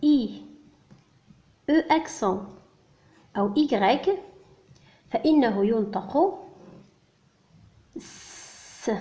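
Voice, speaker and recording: A woman teaching a primary-school French lesson, explaining in Arabic and sounding out each French word slowly and carefully for children. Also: a little high, warm tone. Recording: dull lo-fi recording.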